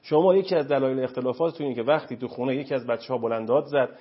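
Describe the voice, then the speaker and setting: Husky guy giving family advice on a talk show, emphatic, kinda dull muffled audio. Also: mid-range voice. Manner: earnest, lecturing, emphatic. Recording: dull lo-fi recording.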